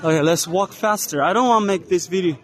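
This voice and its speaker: A man casually narrating a walking tour of a trade expo, unhurried, spelling out brand names letter by letter as he walks. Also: high-pitched, some chatter behind. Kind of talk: casual walk-and-talk narration. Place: large indoor trade expo hall.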